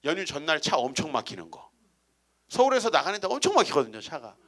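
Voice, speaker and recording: A man in his forties preaches a humorous storytelling sermon from the pulpit, his voice pitched high and swinging widely up and down. The tone is bright and forward, and he keeps teasing the congregation with rhetorical questions. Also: wildly swooping pitch, fast. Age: 40s. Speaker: guest pastor. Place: church sanctuary.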